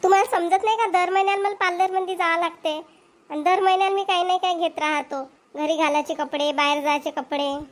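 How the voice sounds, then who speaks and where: In amateur cartoon voice acting, a woman plays a spoiled, argumentative young wife who is whiny, defiant, and demanding, with a Vidarbha Marathi accent. Her voice is extremely high-pitched, flat in delivery, and brisk.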